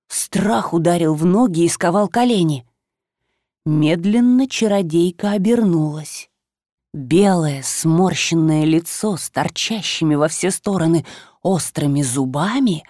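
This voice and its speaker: A woman narrating a fantasy tale in a measured, unhurried way. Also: lowish voice, mellow, no room sound, clean studio sound. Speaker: audiobook narrator.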